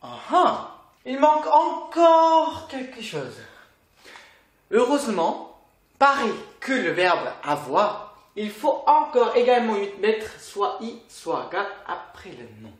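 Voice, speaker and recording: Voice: medium pitch, sing-song, takes it slowly, reverberant. A teacher giving a language lesson, patiently explaining and asking the viewer questions. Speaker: Korean teacher.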